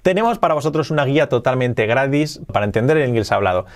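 Male podcast English teacher, mid-range voice, explanatory classroom delivery with slow drilled examples. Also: medium pitch, lively intonation. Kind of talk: Spanish-language English lesson.

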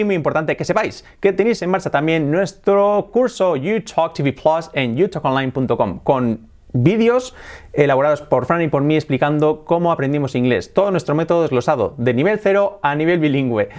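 A man with a Spain Spanish accent giving an animated online English pronunciation lesson, repeating words and often laughing. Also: a little high.

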